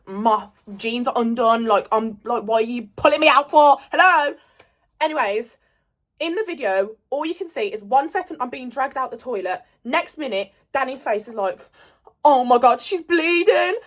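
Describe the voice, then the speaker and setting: A woman's voice: a little high, expressive, a little fast. A woman telling a rambling storytime vlog in casual chat, swearing freely. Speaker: storyteller vlogger.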